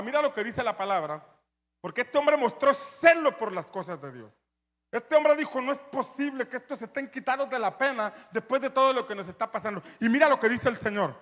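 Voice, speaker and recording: A man preaching a sermon as pastor, telling the story with animated energy and building to shouts. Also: extremely high pitch, in a large hall.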